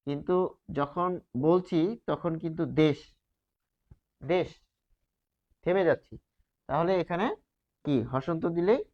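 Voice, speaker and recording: In a slightly muffled recording, a man with a somewhat high voice teaches grammar at a whiteboard. He goes through every rule one step at a time, often posing questions to the class and answering them on his own.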